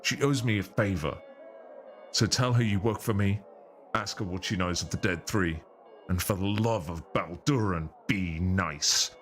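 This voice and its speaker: A game master using a voice changer that deepens his voice, playing a stern, commanding male captain of the city guard who gives curt orders. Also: a little slow, soft background music.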